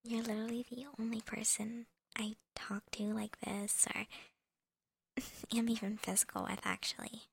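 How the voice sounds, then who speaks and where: A young woman whispering softly and teasingly into a close microphone, breaking into little laughs, in an ASMR girlfriend roleplay. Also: on the high side, level tone, normal speed, creaky, husky.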